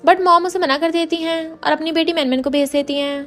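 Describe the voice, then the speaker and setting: A woman narrating a drama recap in a quick, chatty storytelling way, dropping English words into her speech. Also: very high-pitched, steady tone, a bit bright, soft background music.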